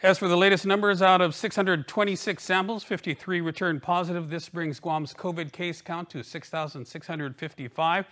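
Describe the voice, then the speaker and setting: A man's voice: a little high, a bit bright. A man reading scripted local television news as an anchor.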